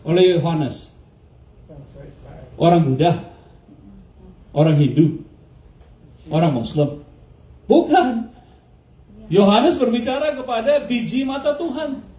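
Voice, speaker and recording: A man's voice: high-pitched, lively intonation, slow pace, pauses often, dark tone, roomy sound. A male pastor preaching a sermon, questioning his congregation, laughing often and dropping English words into his speech. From United States.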